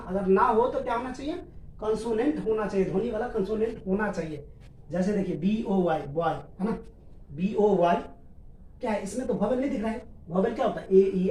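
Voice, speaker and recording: A woman's voice: mid-range voice, a little mellow. Female teacher, patient, repetitive, answers her own questions; recorded far from the mic in an echoey room. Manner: asks questions and answers them, tag "है ना" constantly; repeats each point slowly. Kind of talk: classroom-style explanation. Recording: roomy echo, distant mic, faint ambient noise.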